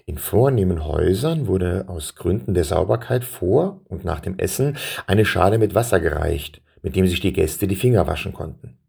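A man reading a children's story aloud in a calm manner and turning to address his young listeners. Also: deep voice, moderate pace, gravelly, few pauses, breathy edge.

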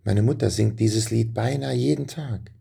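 A man's voice: medium pitch, moderate pace, vocal fry, mellow, husky, exaggerated voice. A man reading a storybook, voicing a brave young boy who speaks in an earnest, pleading way. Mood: hopeful.

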